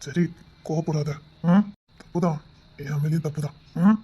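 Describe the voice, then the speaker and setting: A woman's voice: sits low, level tone, unhurried, warm tone, slightly rough. A woman, voicing an ardent young man who coaxes his angry sweetheart affectionately in an amateur romantic audio drama, at times in a whisper. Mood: coaxing. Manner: coaxing, affectionate, sometimes dropping to a whisper.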